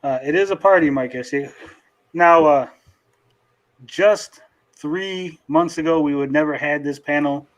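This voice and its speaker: A man's voice: fairly high pitch, unhurried, long pauses, dull audio. A man hosting a livestream panel, asking probing questions in a casual conversational way. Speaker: host.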